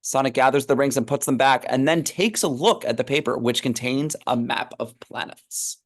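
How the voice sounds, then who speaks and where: A man's voice: mid-range voice, moderate pace. A man narrating a script read, reading stage directions aloud in an informal, amused way.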